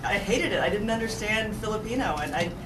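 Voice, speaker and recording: An American woman from suburban Dallas, a news anchor on a discussion panel, talks informally and emphatically, repeating phrases for effect. Her mid-range voice is fairly quick, with lively intonation. The live panel takes place in an event room, recorded from a distant mic with noise and echo.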